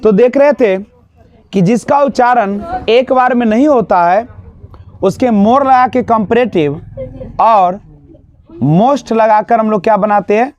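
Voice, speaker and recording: A man teaching an exam-prep grammar lesson, asking the class questions and answering them himself, and drawing out example words slowly. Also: high-pitched, darkish tone. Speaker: English teacher. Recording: dull, lo-fi dry sound.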